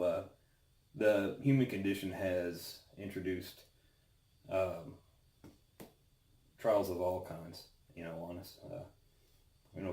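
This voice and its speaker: A man giving a casual devotional talk and Bible reading, halting and pausing often mid-sentence. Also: deep voice, mellow. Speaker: devotional host. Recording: roomy, echoing sound.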